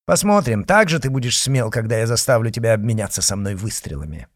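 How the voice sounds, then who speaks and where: A man voicing a drunk, jealous young officer who jeers and shouts in an audiobook. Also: mid-range voice, animated, fast talker, dry recording, clean studio sound, close to an everyday voice. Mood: jeering. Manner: swaggering, jeering, shouting. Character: drunk, jealous young male officer, boastful and hot-tempered.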